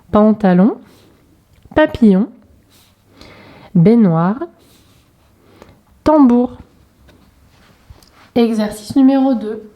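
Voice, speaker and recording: A woman teacher speaks to young children in an unhurried, patient way, setting out each exercise step by step. Her voice is soft and mellow, and she takes her time over every word. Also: medium pitch. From France. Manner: slow, clear and patient, naming each picture in turn. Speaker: primary school teacher. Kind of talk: remote lesson instructions to young pupils.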